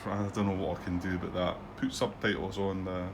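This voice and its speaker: A low-pitched man with little pitch movement talks fairly quickly over a noisy background. Middle-aged and Scottish-accented, he hosts a board wargame channel, giving casual commentary on a solo game from his home desk, rambling and hesitant with plenty of ums and restarts.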